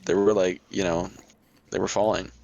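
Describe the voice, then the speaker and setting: A young man co-hosting a podcast in casual chat, rambling and halting with lots of fillers and restarts. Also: low voice, flat delivery, gravelly, a little mellow, lo-fi sound, slight background noise. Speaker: podcast co-host.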